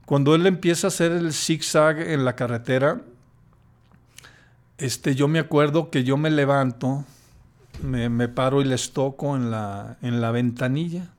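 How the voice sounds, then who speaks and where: A man's voice: mid-range voice, measured pace. An older man, a podcast guest telling a personal story in a hesitant way, with many restarts.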